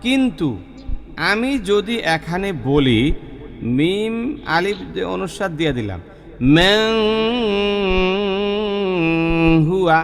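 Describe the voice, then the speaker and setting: A man teaches recitation rules to a class. He repeats each example slowly and talks straight to his students. His voice rings with a long reverb. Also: sits high, big pitch swings. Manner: repetitive, drills pronunciation examples, addresses students directly. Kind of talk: online tajweed class.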